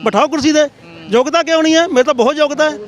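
A man's voice: very high voice, very fast. A middle-aged man, a party volunteer, ranting angrily and defiantly in a street interview outdoors.

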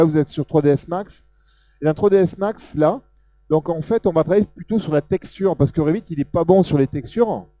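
A man with a Southern French accent giving a casual live software demo, talking loosely with many fillers as he points things out on screen. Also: fairly high pitch, dry recording. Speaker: software presenter. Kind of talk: live technical demo talk.

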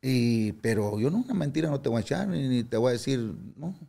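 Gravelly older man telling blunt stories. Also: mid-range voice, lively intonation, fairly quick, mellow. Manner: candid, blunt, swears freely, quotes others in dialogue. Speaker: guest musician. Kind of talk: casual interview storytelling.

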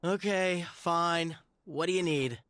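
A man's voice: fairly high pitch, slow, fairly bright tone, dry recording. An actor playing a wisecracking young male superhero with a sarcastic, quippy manner. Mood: grudging.

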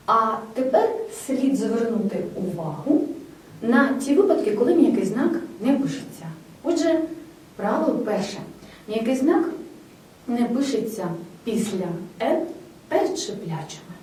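A woman's voice: a little high, darkish tone. A woman teaching a spelling lesson, reading out word lists one by one and asking whether the listener has memorized them. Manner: dictates word lists slowly, checks memory. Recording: very echoey room, distant mic, faint noise.

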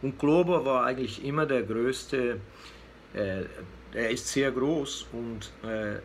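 In a slow, medium-pitched voice, a fifty-something vlogger offers unscripted political commentary to camera for his weekly news show, often hesitating to find the right word. Room ambience and background noise are clearly audible.

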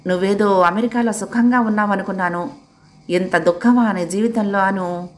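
A woman voicing a gentle grown man who speaks calmly and heartfelt to an old friend. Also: medium pitch, normal speed, natural voice. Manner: calm, heartfelt.

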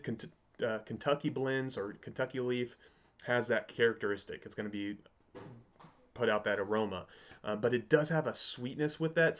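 A man in his thirties talking casually to camera as a reviewer, halting and repeating words as he thinks aloud. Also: medium pitch, muffled recording. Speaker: pipe tobacco reviewer. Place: indoors, home study with bookshelves.

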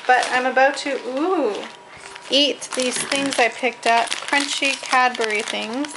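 A woman's voice: sits high, steady tone, slow pace. A young woman in her twenties chatting casually to a handheld camera, recorded with noisy camera audio. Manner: chatty, laughing easily, talks to the camera. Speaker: vlogger. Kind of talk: casual vlog chat. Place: home and car. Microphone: handheld compact camera.

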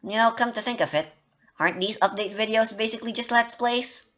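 A man who makes indie games and YouTube videos chats loosely through an update on his game, cracking self-deprecating jokes about his voice. He speaks a little fast in a high, sharp voice over dull-sounding audio.

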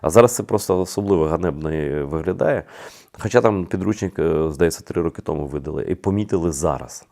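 Deep creaky-voiced man in commentary. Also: fast talker, dark tone. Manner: emphatic, with rhetorical questions and frequent hesitations. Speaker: video channel host. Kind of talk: spoken video commentary to viewers.

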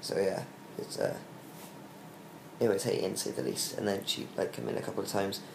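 A young British man, weak, tired and short of breath after surgery, talking haltingly in a casual video diary. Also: fairly low pitch, fairly even intonation, gravelly. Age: young adult. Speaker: vlogger giving a recovery update. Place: small hospital room, lying in bed. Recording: roomy echo with faint background hiss.

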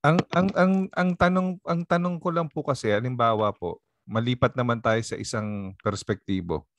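A man's voice: mid-range voice, normal speed, dry recording. A man, a pastor, leading an online Bible study on a video call, asking the group questions politely and prompting them to answer.

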